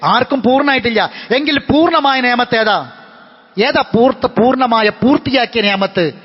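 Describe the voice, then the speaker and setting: A man with a Malabar Malayalam accent giving a Friday sermon, impassioned, repeating phrases and chanting verses, his voice swinging between high emphatic lines and low quiet ones. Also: lively intonation, normal speed, slightly rough. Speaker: preacher. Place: mosque hall. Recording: long mosque reverb, dull lo-fi sound.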